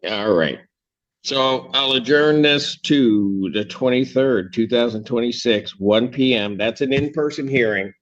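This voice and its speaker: A male judge running a courtroom hearing, brisk and directive as he moves through cases. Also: mid-range voice, highs cut off.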